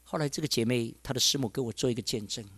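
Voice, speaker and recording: A man's voice: medium pitch, very fast, a bit bright, breathy edge, dry recording. A male pastor telling a personal testimony in a sermon, with emotional, exclaiming storytelling.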